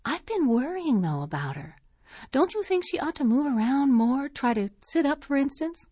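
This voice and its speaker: A woman's voice: high-pitched, big pitch swings, moderate pace, mellow, no room sound, clean studio sound, pitched above the performer's own voice. A woman reading aloud and voicing an anxious, apologetic young new mother. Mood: fretful.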